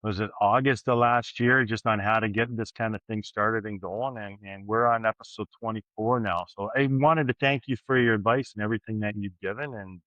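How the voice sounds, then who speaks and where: A man hosting a podcast, opening the episode in a friendly, halting way with repeated words. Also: fairly low pitch, fairly even intonation, sharp tone, dry recording. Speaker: podcast host. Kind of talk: casual podcast intro. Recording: dull dry lo-fi sound.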